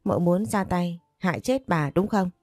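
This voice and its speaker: A woman's voice: lowish voice, unhurried, darkish tone, no echo, clean studio sound. A woman voicing a young maid who pleads tearfully and speaks in a rush. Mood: pleading. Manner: pleading, sobbing.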